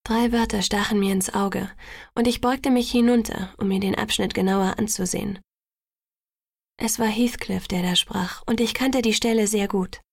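Hushed, gravelly woman narrating a novel. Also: medium pitch, steady tone, moderate pace, no echo, studio quality. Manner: hushed, breathy half-whisper. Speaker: audiobook narrator. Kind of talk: first-person novel narration.

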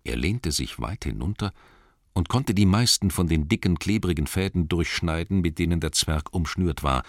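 A man narrating a storybook in an expressive, lively way, with asides to his listeners. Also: low-pitched, normal speed, no echo, studio quality. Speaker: audiobook narrator.

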